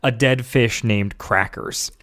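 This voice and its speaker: A man's voice: medium pitch, slow, fairly bright tone. A man co-hosting a podcast in casual chat, teasing his partner in a dry way. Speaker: podcast co-host.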